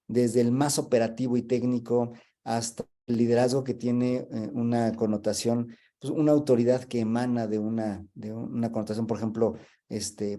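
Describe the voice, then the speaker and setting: A man, a guest speaker who explains leadership in a webinar, tells a joke as a story and often fills pauses with "este". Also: mid-range voice, dark tone. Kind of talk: webinar talk.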